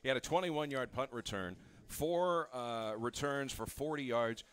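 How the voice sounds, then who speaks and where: A man's voice: medium pitch, a little slow, a bit bright, smooth. A man hosting a sports interview show, eagerly recapping plays with stats before asking the coach questions.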